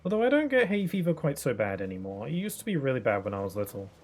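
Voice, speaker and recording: A man's voice: medium pitch, sing-song, fast. Rambling young man streaming a game. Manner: rambling, chatty, laughs often. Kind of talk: casual gameplay commentary.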